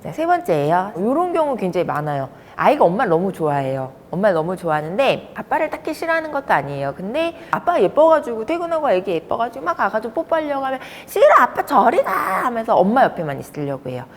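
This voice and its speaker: A woman counselor lectures to fathers and tells her stories with plenty of emphasis. Her voice swoops up and down a lot. It echoes off a room, and a faint rumble sits underneath. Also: fast talker, few pauses. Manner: warm storytelling with lively emphasis. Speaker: child development counselor.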